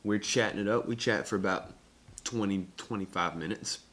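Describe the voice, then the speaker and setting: The recording is very noisy as a young adult man chats to camera, which is either on a table or at arm's length. His voice is fairly low and his pace moderate, and his vlog talk comes in upbeat, slangy, punchy little phrases.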